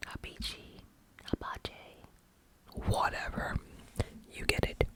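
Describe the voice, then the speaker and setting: An ASMR host speaking in a breathy cupped-hand whisper very close to the microphone, answering questions in an informal, rambling way. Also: takes it slowly.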